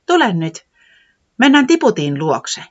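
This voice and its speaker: Eager, breathy storybook weather gnome, done by a reader; bouncy, higher voice on a muffled recording. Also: very animated. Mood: enthusiastic. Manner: eager, enthusiastic. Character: cheerful winter-loving weather gnome.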